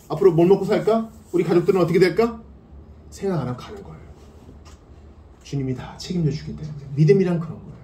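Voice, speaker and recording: A man preaching a sermon as pastor, swinging between loud emphasis and hushed tones. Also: a little high, reverberant.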